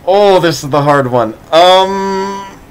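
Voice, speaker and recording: A man's voice: high-pitched, takes it slowly, clean tone. Sarcastic man in casual chat. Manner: sarcastic, playful, mock-dramatic outbursts; rambling, with frequent restarts and laughs.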